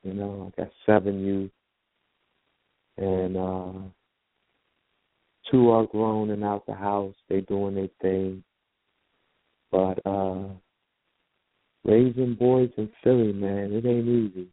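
A man in his fifties, a radio guest, talking in an unhurried, reflective way. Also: lowish voice, little pitch movement, dry recording. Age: 50s. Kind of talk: casual radio talk. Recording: dry phone-line call audio.

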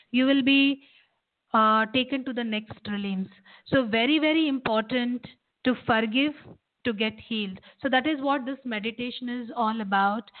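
High-voiced Indian woman, phone-line sound. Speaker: meditation teacher and guest expert. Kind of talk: explanatory interview talk, guiding meditation.

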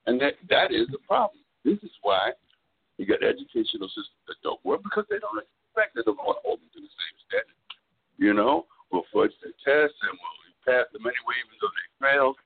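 A male caller on a tinny, crackly phone line that keeps fading in and out. His voice is gravelly and husky, and his pitch swings widely as he presses his point. He talks in an insistent, emphatic way. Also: wildly swooping pitch, a little fast, no echo. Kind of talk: call-in talk radio opinion.

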